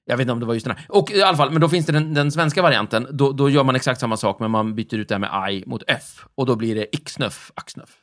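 A man's voice: mid-range voice, few pauses, fairly bright tone. A man hosting a casual group chat, explaining things at length in a joking way with hesitant fillers.

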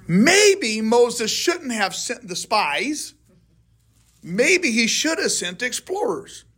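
A man's voice: very high-pitched, big pitch swings, takes it slowly, bright, forceful tone, slightly rough. A man, a pastor, leading a casual Bible study and firing questions at his group in a conversational way. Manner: conversational, asks and answers his own questions. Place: church classroom.

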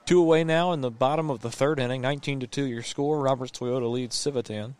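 A man's voice: medium pitch, steady tone, quick pace, darkish tone, clear, resonant tone, dry recording. Man calling live baseball play-by-play. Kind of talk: live sports commentary.

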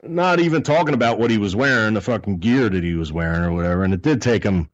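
A man's voice: sits low, fast, no echo, highs cut off. A man in his fifties, a podcast guest, rambling through a profane story in casual talk.

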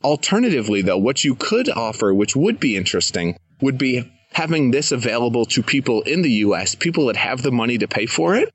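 A young man hosts a podcast with an enthusiastic, upbeat delivery, eager to give advice. His voice is a bit husky and breathy, and the recording sounds dry and close. He speaks at an ordinary middle pitch. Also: sing-song, brisk, dry recording, highs cut off. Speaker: podcast host. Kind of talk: casual interview. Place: living in Thailand, jungle sounds around.

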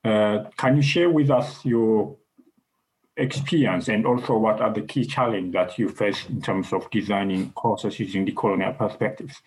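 Male webinar moderator, lowish voice, polite, unhurried. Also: a little mellow, poor audio. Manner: polite, slow, with fillers. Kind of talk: moderating a panel.

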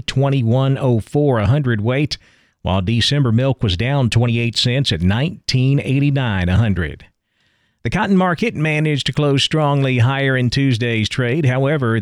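A man reading a scripted farm market news report as a radio anchor, with measured broadcast delivery. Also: medium pitch, dry recording, studio quality.

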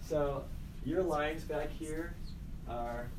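A man teaching a high school class, lively and directing students to act out a scene. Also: very slow, noisy background.

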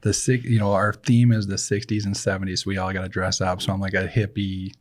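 A man's voice: low voice, level tone, brisk. A middle-aged man hosting a podcast, telling stories in a casual chat and laughing often. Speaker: podcast host.

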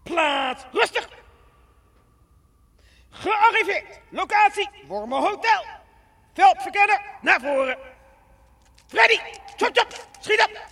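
A bossy little insect sergeant in a children's drama. The voice is very high and bright, barking short military orders at recruits, heard a little way from the mic. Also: male voice, animated, slow pace, vocal fry, long pauses, far from the mic, heavily acted. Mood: stern, commanding.

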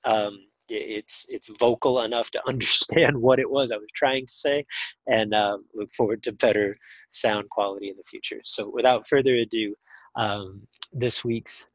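Still getting over a cold that has almost taken his voice, a man hosts a drag racing podcast interview, speaking informally with plenty of fillers. His voice is fairly low and steady at a moderate pace; there's no echo, but the audio quality is poor.

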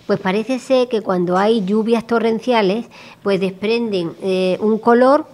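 A woman's voice: medium pitch, measured pace, darkish tone. Chatty woman on radio. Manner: chatty, finishes her partner's sentences. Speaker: radio co-host. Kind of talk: casual radio chat. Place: local radio studio.

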